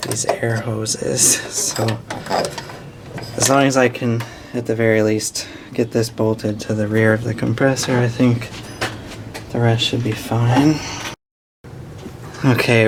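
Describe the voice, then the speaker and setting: A man's voice: medium pitch, noisy background. A man giving a plain, hands-on walkthrough of a repair, explaining as he works on an engine. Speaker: DIY mechanic. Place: working in a vehicle's engine bay.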